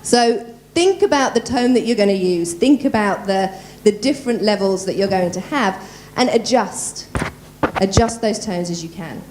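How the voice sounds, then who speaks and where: A woman voice coach giving a lively workshop at a conference, talking quickly and quizzing the audience. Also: medium pitch, a little hiss or hum. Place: conference room.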